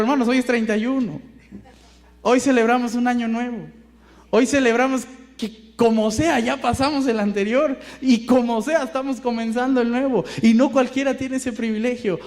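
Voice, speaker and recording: A male Mexican pastor with a Mexican accent delivers a sermon in a notably high voice. He talks conversationally, asking the congregation rhetorical questions and acting out the voices he quotes. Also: darkish tone.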